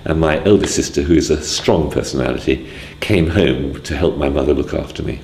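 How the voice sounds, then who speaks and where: Man in his sixties, from Wales, hesitant, very low voice, echoey room. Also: fairly quick, gravelly, a little mellow, a little hiss or hum. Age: 60s. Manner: hesitant, full of ums and restarts. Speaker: interviewee. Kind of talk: casual spoken memoir.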